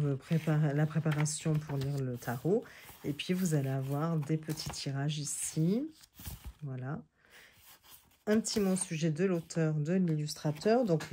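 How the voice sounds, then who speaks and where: A woman's voice: sits low, warm tone, a little hiss or hum. A woman chatting casually as she reviews tarot decks, often hesitating and restarting, and reading card texts aloud. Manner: hesitant, many fillers and restarts. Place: seated indoors on a creaky chair.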